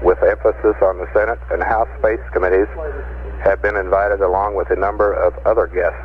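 A man's voice: sits low, flat delivery, a little fast. A man at mission control reading news briefs to astronauts over a crackling space radio link, matter-of-fact and dotted with uh fillers. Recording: tinny, hissy archival radio transmission.

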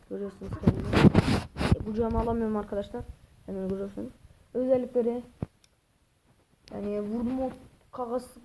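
A woman's voice: a little high, noisy background. A woman vlogging casually while handling ducks, rambling, calling her viewers friends and correcting herself. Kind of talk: casual vlog talk to viewers.

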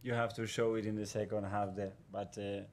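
A man in his forties, a football manager answering questions at a press conference in a measured, guarded way. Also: on the low side, flat delivery, a little mellow. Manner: measured, guarded, repeats phrases. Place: press conference room in front of a sponsor backdrop. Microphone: table microphone.

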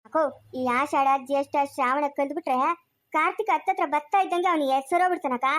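A woman playing a shrill scolding village granny. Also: a bit bright. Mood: coaxing. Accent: rural Chikkaballapur Kannada. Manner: quarrelsome, scolding, fast-talking. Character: scolding old village grandmother, sharp-tongued, protective. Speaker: skit actor. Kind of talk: comic village family skit.

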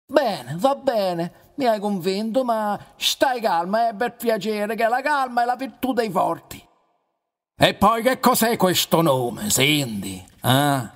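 A man's voice: high-pitched, expressive, fairly bright tone, heavily acted. An actor playing a male talking confessional, a teasing uncle figure who drawls and mocks. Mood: patronizing. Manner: teasing, dialect-flavored, drawn-out.

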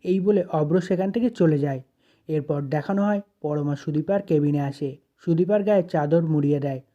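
A narrator retelling a TV serial episode in a plain read-aloud way, voicing each character's lines in the same even voice. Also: medium pitch, normal speed. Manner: reads every character's lines in an even storytelling voice. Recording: dull, lo-fi voice-over.

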